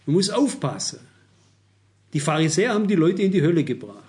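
Older male preacher, fairly high voice, earnest and cautionary, hammers points home by repeating them. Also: very animated, fairly quick, darkish tone. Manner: earnest, warning, repeats phrases for emphasis. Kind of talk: sermon.

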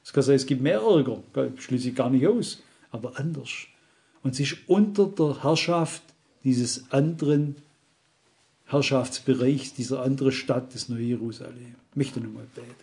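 A man's voice: mid-range voice, normal speed, a little mellow. A male preacher giving a sermon, earnest and emphatic, often turning to the congregation with direct questions. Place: church service.

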